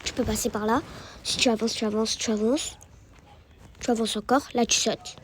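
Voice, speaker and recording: A woman's voice: on the high side, steady tone, normal speed, a little hiss or hum, low-quality recording. A woman giving casual gameplay commentary, chatty and repeating words as she guides the viewer. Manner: chatty, repeats words while guiding the player. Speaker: gaming YouTuber.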